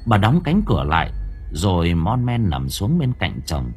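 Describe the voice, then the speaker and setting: Male audiobook narrator for a ghost story, low husky voice, very animated intonation. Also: normal speed, faint music behind. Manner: expressive storytelling reading. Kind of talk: dramatic horror story narration.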